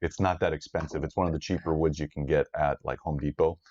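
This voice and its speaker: A man with a very low, deep voice chats casually as co-host of a gardening live stream. He talks in a relaxed way, filling gaps with ums and uhs. The audio is dull and lo-fi. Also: fast. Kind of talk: casual chat.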